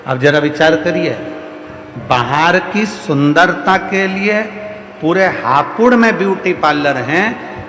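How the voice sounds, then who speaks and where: Before a live crowd in an echoing hall, with faint music in the background and slight noise, a kathavachak from India preaches devotionally. He leans on rhetorical repetition and emphatic refrains, his voice a little high and fairly bright.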